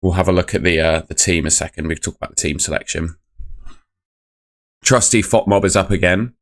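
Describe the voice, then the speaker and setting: This fan channel host is a young man running a relaxed live football review, his throat still croaky from last night's shouting. He talks in a low pitch at a slightly quick pace, chatting and wandering off topic as he reads chat messages aloud.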